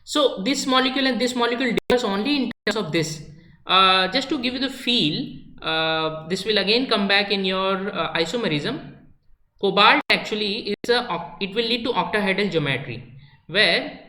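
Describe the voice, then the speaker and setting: A woman's voice: medium pitch, animated, normal speed, sharp tone. A woman giving a chemistry lecture, explaining step by step and repeating key points, slipping into Hindi now and then. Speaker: chemistry teacher. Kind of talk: classroom lecture. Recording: echoey room.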